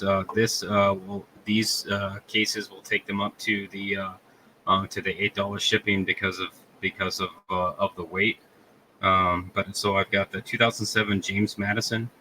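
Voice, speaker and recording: Male live-sale host, low and monotone, hesitant delivery, light background noise. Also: rough recording. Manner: halting, many ums and uhs. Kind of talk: live product selling.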